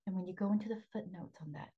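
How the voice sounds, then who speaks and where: On her faith podcast, a spiritual coach talks earnestly at a very fast clip, repeating phrases for emphasis and frequently dropping into a soft half-whisper. Her voice is lowish and husky, and the recording sounds muffled.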